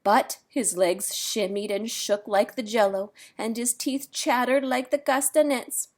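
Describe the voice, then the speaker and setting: Slow, gentle children's book reader, woman. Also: on the high side. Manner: pauses to explain the story to young listeners. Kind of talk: read-aloud storytime.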